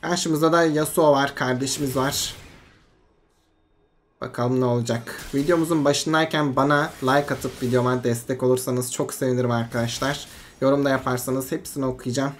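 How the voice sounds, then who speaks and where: A game streamer giving casual, excitable commentary over their own match, swinging between frustration and hype and talking themselves back to calm. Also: mid-range voice, moderate pace, a little hiss or hum. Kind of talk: live gameplay commentary.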